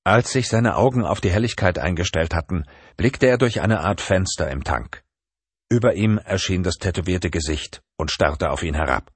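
A man's voice: deep voice, normal speed, husky, no echo. A man narrating a thriller audiobook in a tense, dramatic reading.

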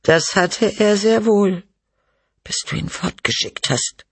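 A man's voice: medium pitch, expressive, measured pace, vocal fry, slightly rough, no room sound, voice pushed up, exaggerated voice. A man voicing a frail, distraught mother who lashes out in bitter, breathless accusations. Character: frail distraught mother, middle-aged woman.

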